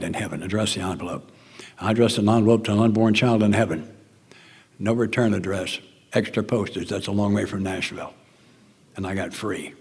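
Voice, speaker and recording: An older man with a Southern American accent speaks earnestly and plainly, his voice gravelly and husky, sometimes sinking almost to a whisper. He is giving a personal talk at a recovery meeting, and his words ring out with the long reverb of a hall. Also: lowish voice. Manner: earnest, plainspoken storytelling, often dropping to a near whisper.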